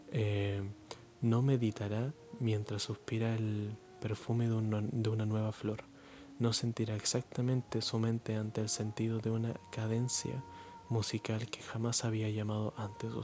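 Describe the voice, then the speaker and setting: A man from Chile giving a soft ASMR reading, halting and stumbling with many restarts, his throat strained and muffled. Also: a little hiss or hum. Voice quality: low-energy, muted voice. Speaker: ASMR reader.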